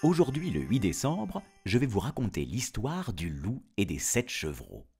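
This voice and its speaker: Faint music plays behind a man telling a fairy tale in a very animated voice that sits on the low side, darkish and slightly rough, at normal speed. Playful throughout, he breaks away for wisecracking asides and laughs at his own puns.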